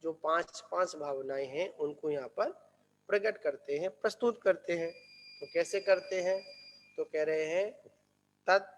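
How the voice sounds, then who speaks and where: A man giving a religious discourse who asks the listeners questions and answers them himself, repeating key words slowly. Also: high-pitched, a bit bright. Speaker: Jain monk teacher. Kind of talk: scriptural discourse. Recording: echoey hall.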